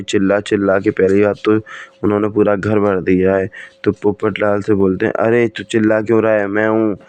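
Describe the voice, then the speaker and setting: Male channel narrator, smooth low voice, chatty recap with repeats and restarts. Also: a little mellow. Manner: keeps addressing friends, repeats and restarts. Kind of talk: casual storytelling recap.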